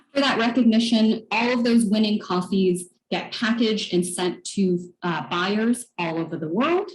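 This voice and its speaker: A woman's voice: medium pitch, unhurried. A woman giving a webinar presentation over a video call, explaining step by step with many fillers. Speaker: managing director presenter. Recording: echoey room with faint noise.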